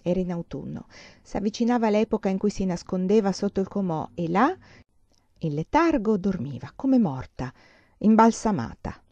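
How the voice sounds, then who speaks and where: A woman reading a novel aloud in a calm, measured way, on a slightly dull lo-fi recording. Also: medium pitch, no room sound. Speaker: audiobook reader. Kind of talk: literary audiobook narration.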